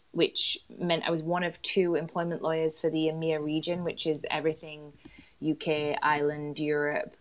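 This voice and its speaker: A woman in her thirties with a Yorkshire accent, chatting as an interview guest about her career, self-deprecating and quick to laugh. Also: lowish voice. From Yorkshire, England. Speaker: guest, employment lawyer. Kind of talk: casual interview chat.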